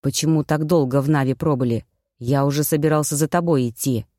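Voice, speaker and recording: Grave immortal sorcerer dad, pitched way down, solemn, a woman doing him, audiobook. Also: steady tone, brisk, warm tone, dry recording, studio quality, close to an everyday voice. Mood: worried.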